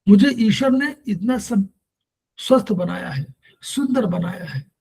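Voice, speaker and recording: A man's voice: sits high, expressive, unhurried, gravelly, mellow, breathy edge, poor audio. A man teaching naturopathy in a spoken lecture. He asks his listeners questions and recites Sanskrit verses as he goes.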